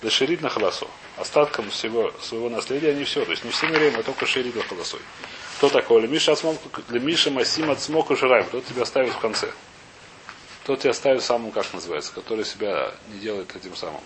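A man's voice: medium pitch, a bit bright, low-quality recording. Man teaching, with audible hiss behind. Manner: halting, searching for words, questioning himself. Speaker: teacher of a Talmud class. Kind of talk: informal lesson, reading a text aloud then translating and explaining. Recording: clear background hiss and noise.

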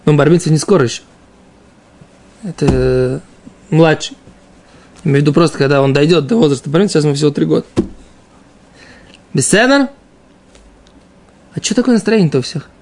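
A man's voice: on the high side, brisk, long pauses, a little mellow, a little hiss or hum. A man giving an informal religious text lesson as a teacher, explaining by asking and answering his own questions. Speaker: Talmud teacher.

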